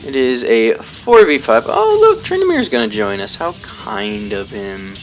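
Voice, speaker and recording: A man's voice: fairly low pitch, wildly swooping pitch, measured pace, slight background noise. A man giving casual live commentary over his own gameplay, explaining tactics as he plays, thinking aloud and poking fun at his own mistakes. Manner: explains tactics while playing.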